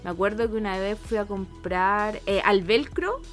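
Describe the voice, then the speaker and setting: A woman's voice: medium pitch, moderate pace, faint music behind. A woman in her thirties with a Chilean accent, co-hosting a podcast in casual slangy chat and laughing often. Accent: Chilean Spanish. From Argentina, raised in Chile. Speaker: podcast co-host.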